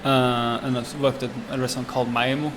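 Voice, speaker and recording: In this casual interview, a young Swedish man in his 20s, who works as a chef and owns a restaurant, speaks at a mid-level pitch with a Swedish accent. His delivery halts, full of fillers, frequent pauses and restarted sentences, over a constant background noise.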